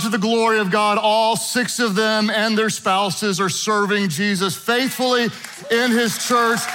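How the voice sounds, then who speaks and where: Middle-aged male pastor, bright and ringing, high for a man; animated, humorous sermon storyteller. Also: rough recording. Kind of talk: sermon to a live and online congregation. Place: church auditorium with congregation.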